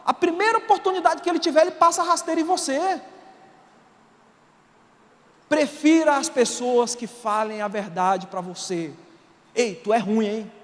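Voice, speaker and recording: A Brazilian man preaching a sermon as pastor, animated and colloquial, swinging from soft asides to shouts. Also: very high-pitched, moderate pace, pauses often. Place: church auditorium. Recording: long reverb of a large hall.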